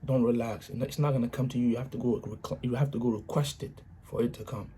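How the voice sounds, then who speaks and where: A man talks through his personal philosophy in a loose, earnest monologue. He keeps circling back to the same points with informal grammar and restarts. His voice is mellow and dark, and faint ambience sits behind it. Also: medium pitch, steady tone, quick pace, a little hiss or hum. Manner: earnest, repetitive, punctuates with "you know what I'm saying". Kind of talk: casual motivational monologue.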